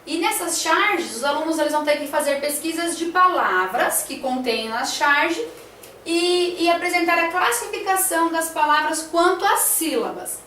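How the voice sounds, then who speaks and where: A woman's voice: very high voice, animated, normal speed, bright, forceful tone, echoey room, far from the mic, slight background noise. A woman teacher talking through a classroom lesson plan, hesitant, with many fillers and tag questions.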